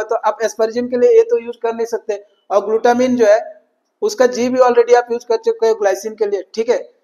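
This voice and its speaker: Male tutor, very high-pitched, giving an exam-prep lecture in Hindi-English, asks questions and answers them himself. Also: a little mellow, highs cut off. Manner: mixes Hindi and English, repeats "ठीक है" often. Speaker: teacher.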